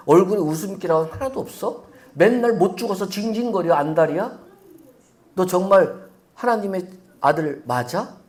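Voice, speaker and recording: A man's voice: mid-range voice, creaky, warm tone, close to an everyday voice. A man preaching who voices the tempter as a mocking, taunting male devil full of sarcastic jabs.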